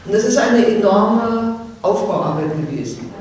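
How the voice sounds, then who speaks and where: A woman's voice: mid-range voice, lively intonation, measured pace, darkish tone, a little hiss or hum. A woman giving a formal thank-you speech at a ceremony, recorded in a large hall. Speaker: guest speaker. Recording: echoey hall from far off.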